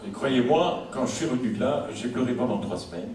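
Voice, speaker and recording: A man's voice: medium pitch, animated, fairly quick, a crowd in the background. Echoey, distant stage magician man. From Belgium. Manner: conversational showman, chatty, repeats himself. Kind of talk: live magic show patter with anecdotes. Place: large indoor show hall. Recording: very echoey hall, distant mic, audience noise. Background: audience.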